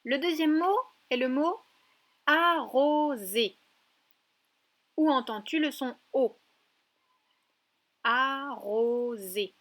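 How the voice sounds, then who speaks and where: A woman teacher giving a recorded lesson to young children, speaking slowly and clearly and addressing the child directly. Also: sits high, darkish tone. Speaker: preschool teacher.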